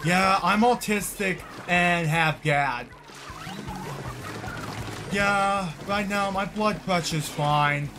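Over game music, a streamer in his twenties talks to his viewers in a high-pitched voice, extremely slowly and with long pauses. His casual game commentary rambles and repeats, with short outbursts of frustration.

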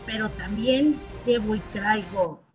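A woman voicing a mean little male rat pirate, boasting loudly and slowly. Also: medium pitch, dull audio, over music, lightly acted. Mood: boastful.

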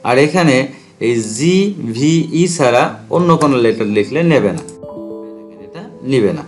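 A man teaching step by step in a screen-recorded tutorial, slowing down to read English phrases aloud. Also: mid-range voice, lively intonation, a little mellow, faint music behind. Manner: patient step-by-step explaining, reads English phrases out slowly. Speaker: teacher explaining a spreadsheet.

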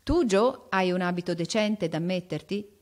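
A woman's voice: on the low side, moderate pace, darkish tone, close to an everyday voice. A woman voicing a prim, slightly vain older teenage sister in an audiobook, fussy in manner. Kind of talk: audiobook character voice.

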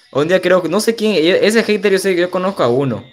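A young man, streaming a game and chatting casually with viewers, loose and slangy with frequent laughs. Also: high voice. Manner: loose, slangy, reads chat aloud and laughs often. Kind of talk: casual livestream chat while gaming. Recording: faint music behind.

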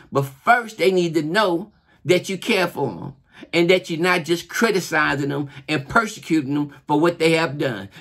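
A man's voice: fairly high pitch, fairly bright tone. A middle-aged man giving an earnest, informal sermon, exhorting and repeating key phrases for emphasis. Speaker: preacher, church elder. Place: small furnished living room, indoors.

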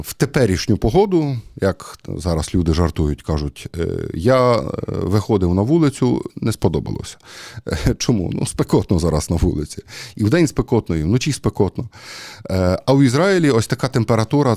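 A man with a low, mellow voice preaches a homily in an easy, talky way. He stops often with fillers as he thinks aloud. The sound is close and dry, with no room echo. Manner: conversational, hesitant with many fillers. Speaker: priest. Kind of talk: sermon.

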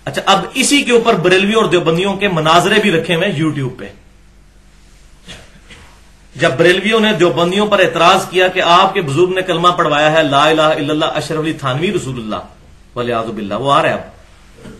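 A man's voice: fairly high pitch, bright, forceful tone. A man delivering a religious lecture. He reads passages from books and comments sharply, asking rhetorical questions. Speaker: Islamic lecturer.

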